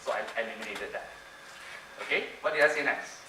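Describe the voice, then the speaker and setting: A man's voice: medium pitch, a little fast. A man giving a playful, interactive conference talk, coaxing the audience and repeating his phrases. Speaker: conference speaker doing a mind-reading trick. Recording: roomy hall, distant mic, background noise. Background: audience laughter and room ambience.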